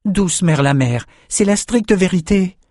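A man's voice: high-pitched, lively intonation, a little slow, darkish tone, no room sound, clean studio sound, pitched above the performer's own voice. A man voicing an earnest young male swordsman in an audiobook. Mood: eager.

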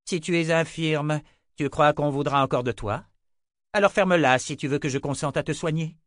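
A cold, commanding sorceress in an audiobook, scornful and sharp, her voice pitched well above the reader's own low register, as a man puts her on. Dry, close sound. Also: expressive, measured pace, clear, resonant tone, no room sound.

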